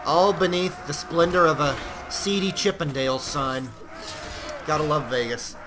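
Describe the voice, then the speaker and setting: A man giving casual, profane, rambling commentary while he plays a game, now and then bursting into shouts. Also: fairly high pitch, steady tone, normal speed, noisy background. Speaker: gameplay commentator. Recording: loud game music behind the voice.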